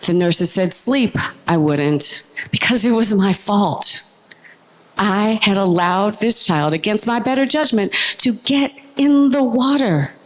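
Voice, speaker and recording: A woman performing a personal story live on stage, emotional, shifting between brisk stretches and slow, deliberate phrases. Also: mid-range voice, expressive, low-quality recording. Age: adult with a young child.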